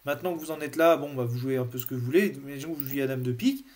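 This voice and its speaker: A man's voice: medium pitch, racing, a little mellow. A man explaining bridge card play in an unscripted lesson, hesitant, with many fillers and restarts. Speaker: bridge teacher.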